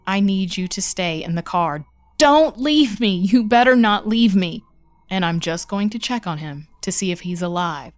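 A woman voicing a frightened young woman who stays firm and calming with her nephew, speaking in a low, steady, urgent voice. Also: moderate pace, few pauses, no room sound, soft background music, lightly acted. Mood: tense, firm. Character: young woman, shaken but firm aunt.

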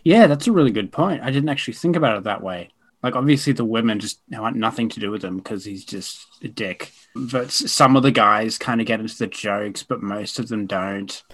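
A man's voice: lowish voice, fairly quick, a bit bright. A young man co-hosting a podcast, speaking frankly in a rambling, casual way. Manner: rambling, frank, self-correcting. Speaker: podcast co-host. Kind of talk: casual chat.

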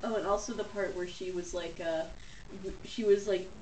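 A woman's voice: mid-range voice, steady tone, normal speed, a little mellow. A woman co-hosting a casual comedic chat, joking and giggly with playful wordplay. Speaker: podcast co-host. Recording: roomy, distant mic, faint noise.

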